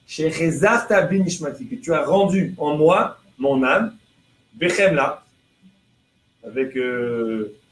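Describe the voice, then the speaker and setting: A man, a rabbi, giving a religious lesson to a live class, asking rhetorical questions and translating prayer lines phrase by phrase. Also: mid-range voice. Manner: explains through chains of rhetorical questions. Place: room with listeners present. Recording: echoey room with faint background noise.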